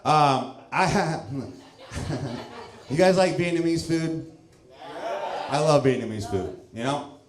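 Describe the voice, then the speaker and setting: A man's voice: fairly high pitch, takes it slowly, long pauses, reverberant, a crowd in the background. A stand-up comedian in his thirties from St. Louis, with a loose, self-mocking delivery and chuckles between lines, on a club stage with a handheld mic. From St. Louis, Missouri, USA. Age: 30s.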